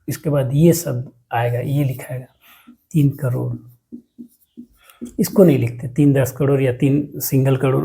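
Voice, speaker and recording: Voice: medium pitch, gravelly, dark tone, low-quality recording. A maths teacher explaining a lesson step by step. The teacher asks questions and answers them, repeats words often, and mixes English words into the explanation.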